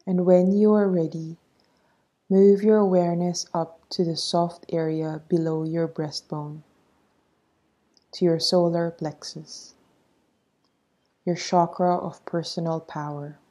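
With a lowish, level tone, a woman gently walks listeners through a meditation, her breathy delivery measured and soothing.

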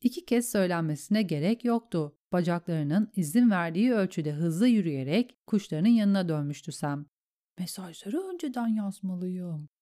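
A woman narrating a fantasy story in a steady, measured way. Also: fairly low pitch. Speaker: audiobook narrator. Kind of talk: scripted narration.

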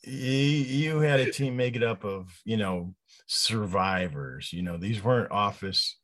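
A man in his sixties talking casually and reminiscing in a halting, folksy way. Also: on the low side, a bit bright. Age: 60s.

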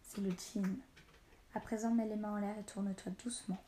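A confident young female archer who speaks in a firm, commanding way, read by a woman telling the story. The voice is mellow and warm, with a faint hiss behind it. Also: mid-range voice, level tone, moderate pace, roomy sound, natural voice. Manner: assured, commanding.

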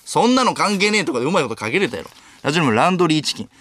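Kansai man in his 20s hosting solo late-night radio, lively swinging delivery, quick comic comebacks. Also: a little high. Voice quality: sharp comedic retorts, Kansai tsukkomi. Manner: rapid-fire reading and snapping back. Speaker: radio host reading listener mail. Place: radio studio. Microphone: studio microphone.

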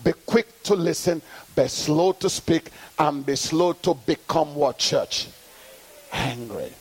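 High-voiced preacher man, call-and-response. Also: slow pace. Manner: call-and-response preaching, rising to emphatic peaks. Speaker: pastor. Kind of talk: sermon.

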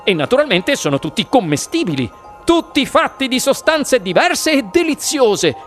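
A man's voice: extremely high pitch, very animated, normal speed, soft background music, pitched above the performer's own voice. A man reading the part of an eccentric, enthusiastic chocolate maker in an audiobook, coaxing and showy. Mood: exuberant.

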